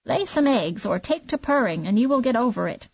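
Woman doing a shrill scolding hen. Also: sing-song, brisk, darkish tone, dry recording, muffled recording. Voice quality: high, scolding. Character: bossy, self-important hen.

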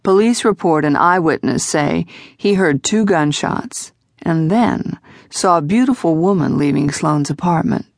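A woman narrator voicing a radio news announcer with a brisk newsreader delivery. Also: sits low, animated, creaky, dry recording, studio quality, heavily acted. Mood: urgent.

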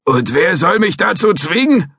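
A man voicing a doddering old male security guard who is suspicious and testy, with a shrill, querulous, shouting manner. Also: sing-song, measured pace, breathy edge, no room sound, clean studio sound, full character voice.

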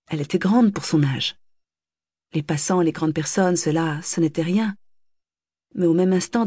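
A woman narrating a literary audiobook in a measured, expressive reading. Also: lowish voice, breathy edge, no room sound, studio quality.

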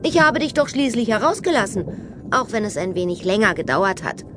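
A woman's voice: big pitch swings, normal speed, noisy background. Mea, a bubbly little mermaid girl. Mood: teasing. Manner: high, bubbly and exuberant.

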